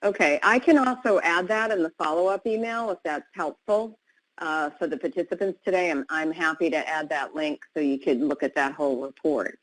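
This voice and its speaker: Lowish woman hosting a webinar q&a on a video call, brisk and friendly. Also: rough recording. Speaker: webinar moderator.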